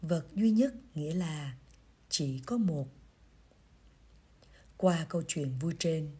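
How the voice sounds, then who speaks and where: A woman reads a pastoral reflection with a very breathy, husky voice that sits a little low. Her delivery is gentle and measured, like telling a story. The tone is dark and mellow. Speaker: reader of a priest's pastoral letter. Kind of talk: scripted reading of a pastoral reflection.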